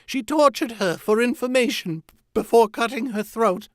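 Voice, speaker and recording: A man reading aloud and voicing a terrified captured traitor lord, pleading in a shrill voice. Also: steady tone, slow pace, fairly bright tone, no echo, studio quality. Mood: panicked.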